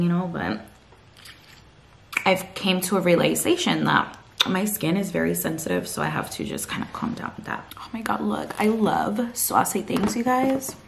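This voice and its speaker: A woman's voice: lowish voice, gravelly, fairly bright tone, slight background noise. A tired young woman chatting casually to her vlog camera from her couch at home, full of "like" and "you guys". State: tired after a night shift. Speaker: vlogger. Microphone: handheld vlog camera.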